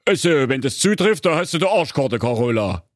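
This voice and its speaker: A man's voice: medium pitch, big pitch swings, a little fast, dry recording, studio quality, voice pushed up. A man voicing a pompous, officious middle-aged father who reads out rules pedantically.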